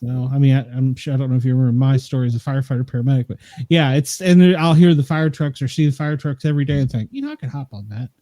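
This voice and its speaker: Joking fifties man, mellow voice. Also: mid-range voice, rapid-fire, few pauses, dry recording. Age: 50s. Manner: joking, self-deprecating, laughs often. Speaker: podcast host. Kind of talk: casual interview chat.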